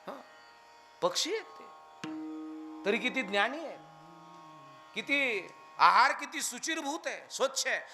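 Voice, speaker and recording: A man preaching a devotional kirtan sermon, animated and firing questions at his listeners, now and then chanting lines of verse. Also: extremely high pitch, measured pace, pauses often, faint music behind. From Maharashtra, India.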